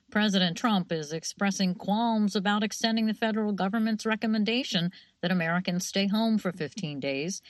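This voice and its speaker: A woman anchoring a radio news bulletin, reading in a steady, measured way and questioning correspondents. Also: mid-range voice, dry recording. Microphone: studio mic.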